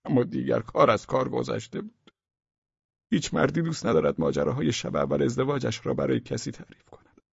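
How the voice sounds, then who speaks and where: A man narrating a humorous audiobook in a wry, expressive storytelling manner. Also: mid-range voice, creaky, slightly rough, no room sound, dull audio.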